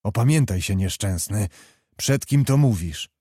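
A man voicing a proud, despotic prince and commander who speaks in a cold, slow, commanding manner in a storybook reading. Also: lowish voice, animated, mellow, husky, no room sound, studio quality, voice pushed down. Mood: stern commanding.

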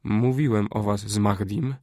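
A man doing a hushed, persuasive Greek adviser. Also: fairly low pitch, fairly even intonation, dry recording, clean studio sound, close to an everyday voice. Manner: quiet, slow, persuasive.

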